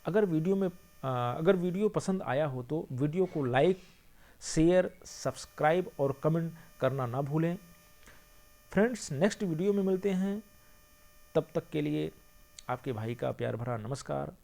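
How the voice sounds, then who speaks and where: A young male teacher with a fairly high, gravelly voice talks through a grammar lesson. He keeps asking the viewer questions and then repeats the example sentences slowly, one phrase at a time. The tone is that of an online class recorded close to the mic. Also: expressive, dark tone. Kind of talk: classroom explanation of figures of speech.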